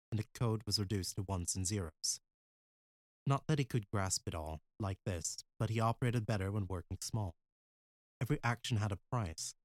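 A man narrating an audiobook in an even, measured reading style. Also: lowish voice, no room sound. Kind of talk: scripted narration.

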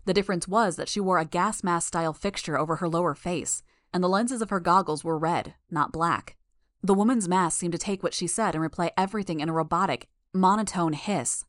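A woman reading a first-person story aloud in a steady, measured way. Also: fairly low pitch, no room sound, studio quality. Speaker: audiobook narrator. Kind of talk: first-person audiobook narration.

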